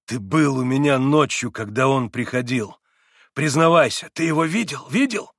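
A male reader voicing a tormented, fierce young man who shouts demands and then turns icy cold. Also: medium pitch, animated, normal speed, no echo, clean studio sound, close to an everyday voice. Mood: frantic.

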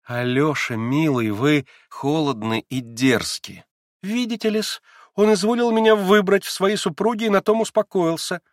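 Male reader doing a raised, lively teenage girl, shy and teasing, dry close sound. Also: on the high side, no echo, pitched above the performer's own voice, lightly acted. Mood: indignant. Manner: quick emotional swings, sometimes whispering. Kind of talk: audiobook character reading.

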